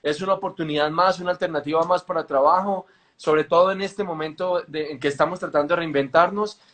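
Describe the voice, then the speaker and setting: A man hosting a casual live chat interview, halting and often repeating his words. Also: a little high, fairly even intonation, a bit bright. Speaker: interviewer and host.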